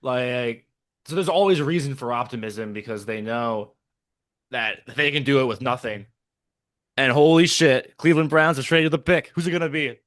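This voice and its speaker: A man's voice: medium pitch, moderate pace, a bit bright, dry recording, studio quality. A man co-hosting a casual podcast, reacting live to a sports draft from a hotel room and thinking aloud. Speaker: podcast co-host.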